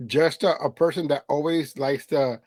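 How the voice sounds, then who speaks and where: A man's voice: fairly high pitch, fairly even intonation, normal speed, a little mellow, dry recording. A man hosting a podcast, asking questions in a casual chat with many fillers and restarts. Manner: hesitant, filler-heavy questioner. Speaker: podcast host.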